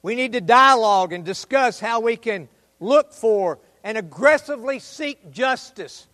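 Fervent high-pitched male preacher in a reverberant hall. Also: expressive, measured pace, pushed and bright. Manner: fervent, exhortative, direct appeals to listeners. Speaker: pastor preaching to his church. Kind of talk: sermon.

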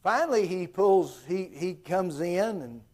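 A man with an Appalachian accent preaching in a folksy storytelling style, halting and circling back to repeat his phrases. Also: high voice, lively intonation, darkish tone. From Appalachia, southwest Virginia.

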